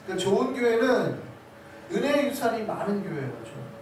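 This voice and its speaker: High, lively male preacher in an echoing hall. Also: a little fast, a little hiss or hum. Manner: preaches with rhetorical questions to the congregation. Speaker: pastor. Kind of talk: sermon. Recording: very echoey hall, voice from a distance.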